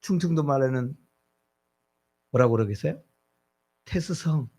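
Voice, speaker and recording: Middle-aged guy pastor preaching, kinda husky voice, a bit higher than most men, chatty with lots of questions to the crowd. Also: very animated, unhurried. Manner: conversational preaching with rhetorical questions. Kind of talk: sermon.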